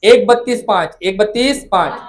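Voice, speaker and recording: A man with a notably high voice teaches an exam-prep class. He hammers facts home by repeating them and teases his students as he goes. He slips English terms into his lecture. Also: normal speed. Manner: drilling facts by repetition, teasing students; mixes English terms into the talk. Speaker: coaching teacher.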